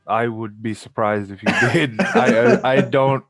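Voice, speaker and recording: A man's voice: mid-range voice, big pitch swings, a little slow, soft background music. A young man from Pakistan, a podcast guest, chatting casually and rambling with many restarts. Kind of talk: casual chat.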